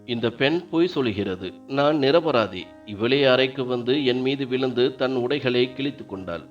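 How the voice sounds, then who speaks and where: A man's voice: medium pitch, normal speed, natural voice. A man voicing an arrogant young male boss who speaks with contempt and insists on his innocence. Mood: insistent. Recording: dull lo-fi sound, faint background music.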